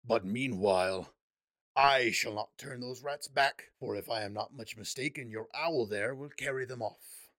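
A man voicing a scheming, arrogant magician chancellor in a storybook reading, with a slow, mocking, sarcastic delivery. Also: mid-range voice, fairly bright tone, no echo, close to an everyday voice.

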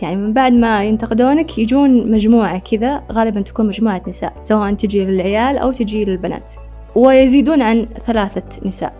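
Fast-talking woman. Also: a little high. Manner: animated storytelling, acting out relatives' voices. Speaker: podcast host. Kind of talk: comic monologue.

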